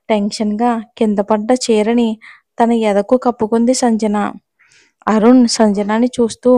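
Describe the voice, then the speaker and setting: Woman, storyteller, scripted novel narration, steady even reading, somewhat high voice, dry close sound. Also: no echo.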